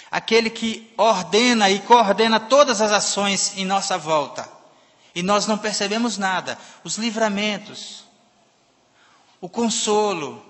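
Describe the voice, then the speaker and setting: A man preaching a sermon in a church, emphatic, swinging between loud and soft passages. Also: sits high. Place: church sanctuary. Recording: long reverb of a church hall.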